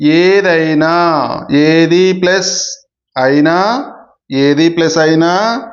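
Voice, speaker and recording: A man's voice: on the high side, muffled recording. A man teaching an exam-prep grammar lesson, repeating key points and checking in with listeners often. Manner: repetitive, asks "okay?" often.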